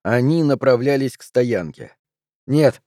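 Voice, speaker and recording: In a dry, clean studio recording, a male narrator with a mid-range voice delivers scripted audiobook narration at an even, measured pace.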